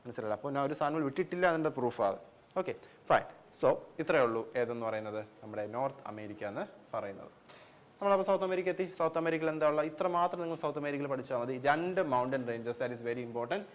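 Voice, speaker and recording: Man, young adult, Malayali accent, exam coaching teacher, casual lecture, self-answering questions, mid pitch. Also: animated, fast. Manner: chatty, asks questions and answers them himself, mixes in English phrases. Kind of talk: online geography class lecture.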